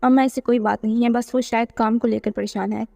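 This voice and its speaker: A woman's voice: on the high side, level tone, fairly quick, gravelly, dark tone, no room sound. A woman voicing a worried young woman who confides in her mother, in a read-aloud novel.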